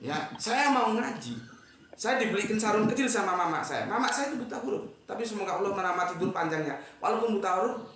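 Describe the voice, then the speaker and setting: A man's voice: high voice, expressive, rapid-fire, fairly bright tone. Man, 50s, from Sumatra, religious speaker, blunt, emphatic, very echoey room, faint hiss. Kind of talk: impassioned speech to a study group.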